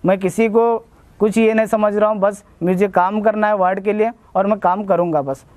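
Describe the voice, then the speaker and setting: An Indian man running for a local ward seat makes earnest, repetitive vote appeals in formal, Urdu-laced speech during a campaign interview. His high-pitched voice is steady and darkish, at normal speed, in a dry recording.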